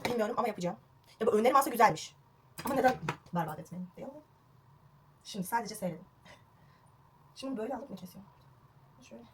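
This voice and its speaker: A woman's voice: on the high side, slight background noise. A young woman vlogging a home haircut, chatty and self-mocking, recorded on a phone at home. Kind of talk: casual home haircut vlog. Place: at home indoors.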